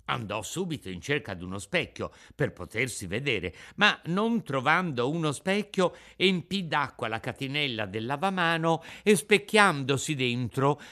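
A man narrating a classic storybook in a theatrical, expressive reading. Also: mid-range voice.

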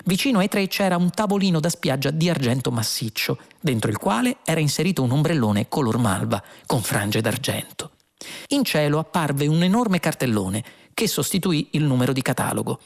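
A man reads a novel aloud in a measured, expressive way. His voice sits a little high and has a gravelly edge. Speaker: audiobook narrator. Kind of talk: scripted narration.

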